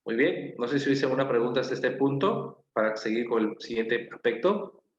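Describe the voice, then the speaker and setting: An animated, brisk man with a mid-range voice and a Peruvian accent teaches online, patiently explaining and repeating key phrases while checking on his students. Faint noise sits in a roomy, somewhat dull recording.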